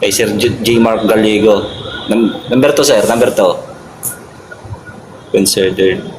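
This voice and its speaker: A man's voice: lowish voice, a little slow. A man on duty as a security guard, chatting casually on a phone live stream, politely thanking viewers and laughing often. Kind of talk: casual live-stream chat reading comments. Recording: phone live stream with clear background noise.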